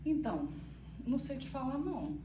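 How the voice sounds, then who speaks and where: Soft-spoken woman in an echoey hall. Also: high voice, normal speed, noisy background. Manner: soft, even-toned, speaks of her monotone voice. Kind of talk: informal talk to a church group. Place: church hall. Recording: echoey room, far from the mic.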